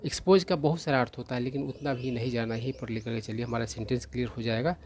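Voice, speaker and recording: A man's voice: medium pitch, fairly even intonation, darkish tone, slight background noise. A man teaching English vocabulary in Hindi, explaining each word patiently and checking understanding often. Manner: slow, patient explaining, repeats "ठीक है" checks; carefully spells out pronunciation.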